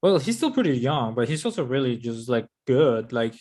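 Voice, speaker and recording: A man's voice: mid-range voice, big pitch swings, moderate pace, a little mellow. A man co-hosting a casual podcast chat, easygoing and agreeable, often restarting his sentences. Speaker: podcast co-host.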